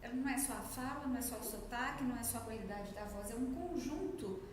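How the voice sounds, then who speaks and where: A female speech therapist with a Minas Gerais accent from Brazil explains her profession as an interview guest, teaching as she goes and performing the lines she quotes. She speaks fairly high and quickly, in Brazilian Portuguese, recorded in a very echoey room with faint noise.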